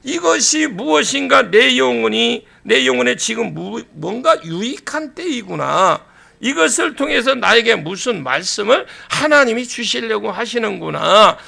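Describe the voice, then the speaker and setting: A male pastor delivers a church sermon in a strikingly high, heavily gravelly voice with a bright, forceful edge. He is animated, acting out scenes and breaking into shouts for emphasis. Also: a little slow. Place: church sanctuary.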